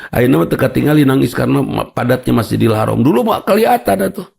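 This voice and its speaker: A man's voice: mid-range voice, lively intonation, fast, creaky, darkish tone, husky. A man with a Sundanese accent preaching a sermon, telling humorous stories. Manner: humorous, storytelling, mixing in local words. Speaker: Islamic preacher.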